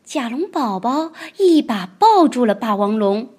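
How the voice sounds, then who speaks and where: Lady reading a kids bedtime story, high voice, slow and really expressive. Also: slightly rough. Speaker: children's story reader. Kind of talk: storybook read-aloud.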